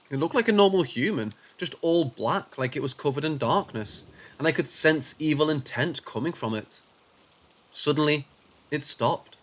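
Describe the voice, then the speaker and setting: A man narrating first-person paranormal stories as scripted narration, dropping low and quiet for the tense moments.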